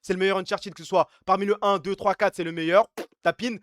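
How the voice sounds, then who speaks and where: Streamer, male, from France: rapid, high-pitched, slangy and blunt, dry close sound. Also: steady tone, a bit bright, dry recording. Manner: slangy, blunt, ranting about games. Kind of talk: casual live-stream chat.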